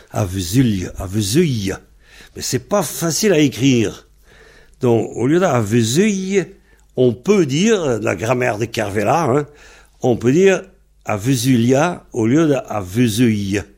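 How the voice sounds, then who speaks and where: Slow, gravelly man teaching a language. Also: medium pitch, a little mellow. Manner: patient, methodical, spells words letter by letter. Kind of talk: slow spelled-out language lesson.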